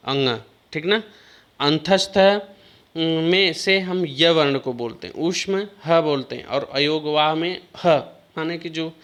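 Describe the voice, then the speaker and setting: Slow, high-voiced male teacher. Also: fairly bright tone. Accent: Hindi. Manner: slow, repeats "ठीक ना" as a check-in. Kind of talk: online class lesson.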